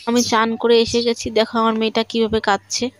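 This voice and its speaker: A young mother of two daughters narrates her household chores in a chatty home vlog, moving around her home and a courtyard by a water tap. Her voice is a little high, quick and completely flat, and the recording is very noisy.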